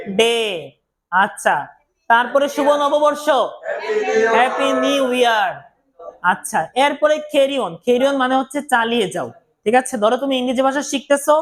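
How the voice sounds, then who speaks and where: A woman teaching English phrases in a classroom, repeating each one slowly for her students. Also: sits high. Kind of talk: classroom language lesson.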